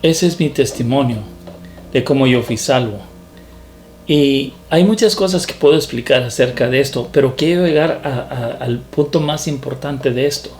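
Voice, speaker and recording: A man preaching his personal testimony in an earnest, halting manner, often repeating a word before going on. His voice sits at a middle pitch. Soft music plays faintly behind him. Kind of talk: testimony sermon.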